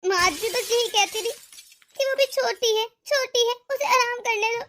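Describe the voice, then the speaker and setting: Woman voicing a wronged cartoon housewife airing complaints; high, bright. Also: normal speed, slight background noise. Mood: aggrieved. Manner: complaining storyteller tone. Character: put-upon elder daughter-in-law, young woman.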